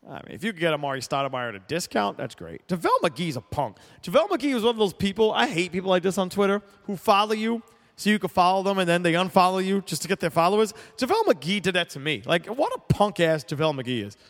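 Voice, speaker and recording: A man hosting a sports talk show, with a somewhat high voice and a blunt, opinionated delivery. He rambles, restarts and repeats words. The recording has a long, echoing reverb. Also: expressive, fast talker, fairly bright tone.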